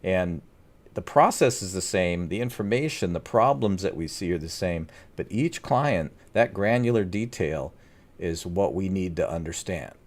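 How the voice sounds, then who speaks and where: Low-voiced man, animated podcast chat. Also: moderate pace. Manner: animated, slips into playful put-on accents. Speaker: podcast co-host, agency owner.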